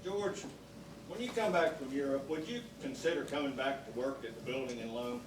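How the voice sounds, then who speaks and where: A man acting a weary, gentle middle-aged father in a community theatre play, recorded from far off on stage. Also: medium pitch, a little fast, close to an everyday voice. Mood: weary, patient. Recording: distant echoey stage recording, clear noise.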